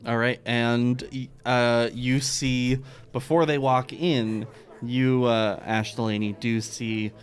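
A man's voice: mid-range voice, level tone, takes it slowly. A man narrating as game master, hesitant and full of fillers.

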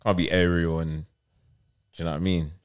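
A man's voice: low-pitched, level tone, brisk, smooth, dry recording. A young man with a London accent, making dry, slangy, casual banter as a podcast co-host.

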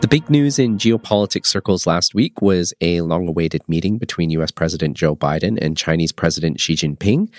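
A man's voice: low voice, no room sound, studio quality. A man with a nasal, stuffed-up voice from a cold, presenting and interviewing as a podcast host.

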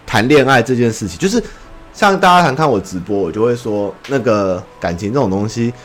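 A man's voice: medium pitch, expressive, brisk, soft background music. A young man from Taiwan, hosting a podcast in casual chat, rambling and blunt, with swearing and mocking voices. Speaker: podcast host. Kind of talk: casual chat about anime.

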